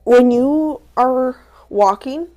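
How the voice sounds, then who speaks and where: A young woman co-hosting a podcast, telling stories in a casual, animated way with lots of "like" fillers. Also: high voice, very slow. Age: young adult. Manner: animated storytelling, many "like" fillers. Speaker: podcast co-host. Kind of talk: casual chat.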